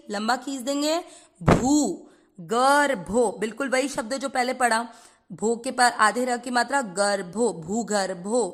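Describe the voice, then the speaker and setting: A woman teaching Sanskrit pronunciation. She breaks each word into syllables and then chants the whole verse slowly, mixing English words into her Hindi. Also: fairly high pitch, a bit bright. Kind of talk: slow syllable-by-syllable recitation lesson.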